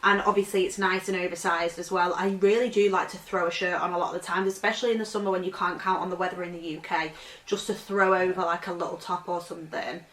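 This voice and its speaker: A woman's voice: fairly low pitch, level tone, fast, fairly bright tone. A woman chatting through a vintage clothing haul at home, rambling and filling her talk with "like". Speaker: fashion vlogger. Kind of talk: casual vintage haul vlog. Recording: roomy echo, voice from off-mic.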